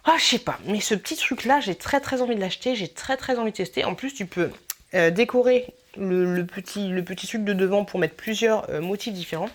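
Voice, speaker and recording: A woman YouTuber chats through her wishlist in a casual vlog. She rambles playfully and drops silly filler asides as she goes. Her voice sits at an ordinary middle pitch. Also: a little fast.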